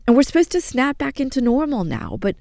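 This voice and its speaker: A woman as guest host of a public radio show, reading her introduction and asking questions in a measured, scripted way. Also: high-pitched, sing-song, gravelly, a little mellow, no room sound, clean studio sound.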